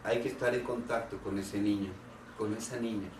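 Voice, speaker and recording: A man, a therapist, giving an earnest public talk on anxiety and asking the audience one rhetorical question after another, with pauses between phrases. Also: lowish voice, fairly even intonation, background noise. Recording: roomy hall sound from a distant mic.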